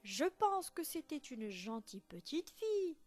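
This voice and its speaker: A woman voicing a big, gruff father bear in a storybook reading, speaking loud and solemn. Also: high-pitched, very animated, measured pace, soft background music. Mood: gentle.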